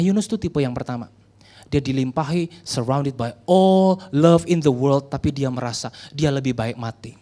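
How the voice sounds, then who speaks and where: A man's voice: medium pitch, darkish tone. A male preacher telling a story in a sermon, conversational and joking, acting out the people in it.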